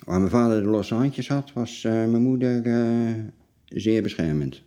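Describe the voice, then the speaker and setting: A man of forty-seven, answering personal interview questions in a halting, blunt, plain-spoken way. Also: medium pitch, mellow. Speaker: interview guest telling his life story.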